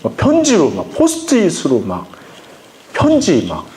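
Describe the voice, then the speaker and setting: Male pastor, high and very animated delivery, emphatic parent seminar in a lecture hall. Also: unhurried. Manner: emphatic, acts out quoted voices, often says "막". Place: lecture hall with live audience.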